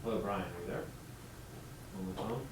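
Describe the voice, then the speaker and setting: A man heard over a speakerphone on a call, asking low, unhurried questions. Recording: echoey, distant speakerphone with loud noise.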